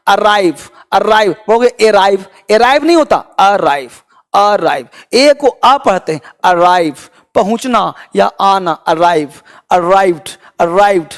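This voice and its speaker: A young man teaching spoken English who drills each word form by repeating it aloud, switching between Hindi and English as he explains. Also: sits high. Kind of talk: energetic classroom teaching.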